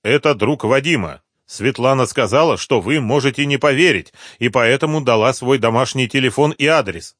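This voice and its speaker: A man's voice: medium pitch, moderate pace, hardly any pauses, a bit bright, no room sound, studio quality, voice pushed up, lightly acted. A man voicing a male caller posing as a friend, speaking in a persuasive, reassuring way. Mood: smooth reassuring.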